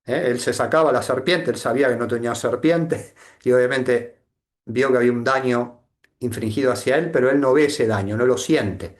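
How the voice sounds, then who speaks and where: A man from Argentina with an Argentine accent, giving a reflective satsang talk with a reading, often pausing and adding tag questions. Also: medium pitch. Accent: Argentine Spanish. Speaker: spiritual teacher.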